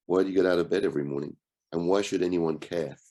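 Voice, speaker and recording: A man with a cold and a croaky voice, hosting an online book discussion in a relaxed way and asking his group questions. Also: sits low, fast talker. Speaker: book club host and coach.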